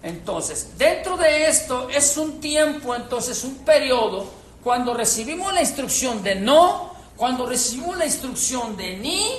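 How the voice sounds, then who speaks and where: A woman teaching a Bible class to a group, animated and quizzing her listeners. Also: a little high, slight background noise. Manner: animated, questions the audience, acts out quotes. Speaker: church teacher. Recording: echoey room with faint ambience.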